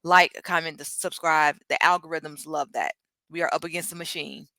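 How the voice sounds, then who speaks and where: A woman's voice: sits low, steady tone, normal speed, creaky, sharp tone, no echo, rough recording. A woman in her thirties from Detroit co-hosting a hip-hop podcast, chatting casually with lots of ums. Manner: chatty, enthusiastic, many ums. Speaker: podcast co-host. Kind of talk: casual chat.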